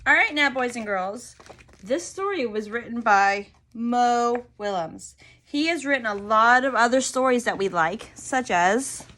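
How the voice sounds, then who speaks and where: A woman teacher with a fairly high, bright, forceful voice reads a picture book aloud to young children. She enunciates deliberately and prompts them with questions.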